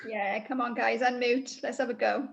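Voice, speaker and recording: A woman's voice: fairly high pitch, steady tone, moderate pace, creaky. A woman hosting an online school event over a video call, prompting participants in an informal way. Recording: dull video-call audio.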